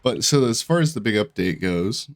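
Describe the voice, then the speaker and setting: This is a young man who makes gaming videos, his fairly low voice expressive and moderately paced despite being blocked up and hoarse from a sore throat. As he plays, he offers loose commentary, wandering off track, interrupting himself, and laughing a lot.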